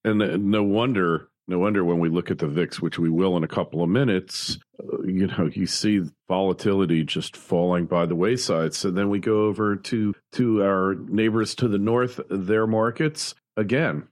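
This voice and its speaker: Male co-host, very low voice, dry sarcastic market chat. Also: normal speed, hardly any pauses, dry recording. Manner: relaxed, wry and sarcastic. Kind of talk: casual market commentary.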